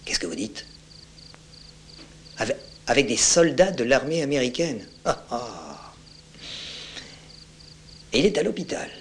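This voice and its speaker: A composed, polite officer; even, mid-range voice. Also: male voice, medium pitch, slight background noise. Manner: calm, courteous, measured. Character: calm polite male army captain. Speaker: army captain. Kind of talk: film drama acting.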